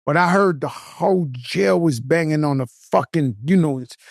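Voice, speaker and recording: Middle-aged male podcast co-host, high pitch, dry close mic, animated profane storyteller. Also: creaky, no echo. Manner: animated storyteller, profane, quick to act out other people's reactions. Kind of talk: casual chat.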